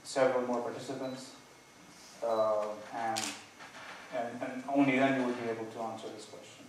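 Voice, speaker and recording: A man defending his PhD thesis, nervous and hedging, halting with many false starts and repeated words. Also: mid-range voice, flat delivery. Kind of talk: academic thesis defense, spontaneous answers. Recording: very echoey room, distant mic, faint noise.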